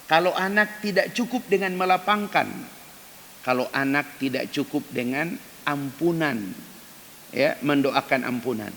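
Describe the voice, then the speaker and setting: A man preaching an emphatic dawn sermon in a mosque, speaking directly to the men of the congregation. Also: a little slow. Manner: acts out quoted prayers in loud, high cries. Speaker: ustadz preacher. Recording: reverberant mosque hall with faint hiss.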